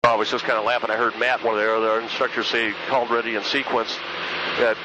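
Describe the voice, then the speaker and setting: A man's voice: medium pitch, level tone, quick pace. A man who is a flight instructor, talking casually over a cockpit headset intercom with offhand asides. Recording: muffled intercom with loud engine noise.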